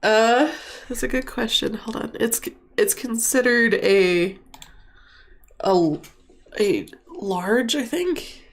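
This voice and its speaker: Unhurried woman running a tabletop game. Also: on the high side. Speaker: game master. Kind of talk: casual tabletop game narration.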